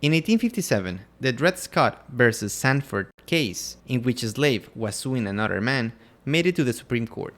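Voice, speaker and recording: A man's voice: mid-range voice, very animated, normal speed, fairly bright tone. A man from Ecuador co-hosting a scripted history podcast, reading prepared lines in turns with his co-host.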